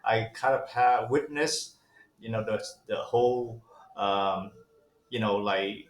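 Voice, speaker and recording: A man's voice: lowish voice, steady tone, slow. Male interview guest, 40s, non-native English speaker from Vietnam, hesitant and filler-heavy, recorded in an echoey room. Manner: hesitant, many fillers and restarts. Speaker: guest dentist. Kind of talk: casual interview talk.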